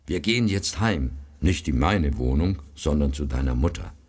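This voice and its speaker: A kind, protective brother speaks gently to his family, as a man reading a story puts him on. The voice stays low and a little husky. He sounds steady and reassuring. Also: normal speed, heavily acted. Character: kind, warm-hearted man caring for his sister.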